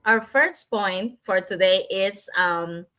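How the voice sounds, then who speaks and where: Bright, lively woman from Cuba. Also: medium pitch, slow pace. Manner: animated, searching for words with restarts and "you know". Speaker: panelist, nurse. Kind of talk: panel discussion.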